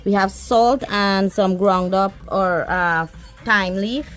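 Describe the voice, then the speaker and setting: Out in her backyard, a Guyanese woman demonstrates a recipe for her channel, taking her time with a medium-pitched voice while faint music plays behind her. She has a Guyanese accent and a casual, chatty style, speaking to viewers and pets alike as a cooking vlogger.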